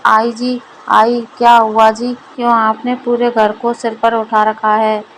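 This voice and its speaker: A woman's voice: on the high side, completely flat delivery, slow pace, a little hiss or hum, rough recording. A woman voicing a fearful, devoted village wife who speaks anxiously and pleads.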